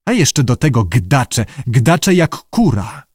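A man's voice: medium pitch, big pitch swings, slow pace, breathy edge, no echo, studio quality, heavily acted. A man voicing a cold, fault-finding inner voice. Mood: critical. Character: cool, critical inner voice of a man.

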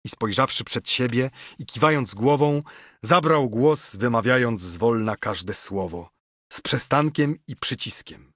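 Male narrator, husky voice, dry close recording, dramatic verse reading. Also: mid-range voice, animated, measured pace, a bit bright, no echo. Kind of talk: audiobook reading of an epic poem.

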